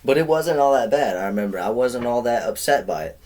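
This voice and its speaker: A man's voice: medium pitch, expressive, fairly quick, darkish tone. A young man in his twenties telling a rambling, profane storytime, heavy on slang and filler. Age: 20s. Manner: rambling, profane, slangy, says bro a lot. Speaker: vlogger. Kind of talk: casual storytime chat.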